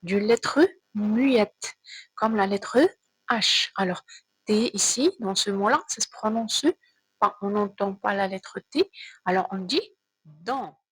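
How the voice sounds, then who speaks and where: A woman teaches young children to read, going slowly and carefully and repeating each sound and word. Her voice is a little husky, at a middle pitch. The recording is dry and close. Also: fairly bright tone, no room sound, rough recording. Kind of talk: children's reading lesson.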